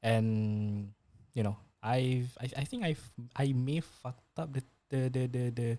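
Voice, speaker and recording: A young man with a Malaysian accent chatting casually, repeating words haltingly as he mixes slangy Malay and Singlish-like English. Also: medium pitch, fairly even intonation, warm tone. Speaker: podcast panelist. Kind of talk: casual chat.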